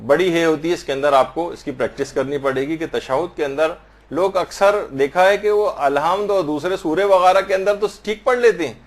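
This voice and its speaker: A man giving a religious lesson, slowly demonstrating and repeating words of prayer to correct pronunciation. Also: fairly high pitch. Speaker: religious teacher.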